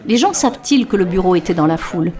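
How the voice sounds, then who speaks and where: A woman's voice: fairly low pitch, expressive, fast, darkish tone, close to an everyday voice. A woman dubbing an inquisitive interviewer who prods for details in a conversational voice-over. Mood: curious.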